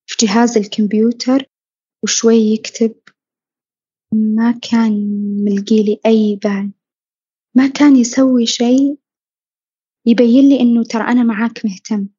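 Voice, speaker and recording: A fairly high, husky woman's voice recounts her own story in a reflective, earnest way, sometimes sinking almost to a whisper. The tone is mellow and dark, recorded dry and close. The sound is dull and lo-fi. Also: dry recording. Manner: reflective, earnest, dropping to soft near-whispers. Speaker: podcast guest sharing her story. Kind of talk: personal storytelling.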